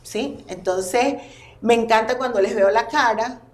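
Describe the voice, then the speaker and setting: A slightly high-voiced woman talks at a measured pace as a podcast guest. She is a family constellations therapist whose stories come out expressive and animated during the casual conversation, and the space around her sounds roomy and echoing.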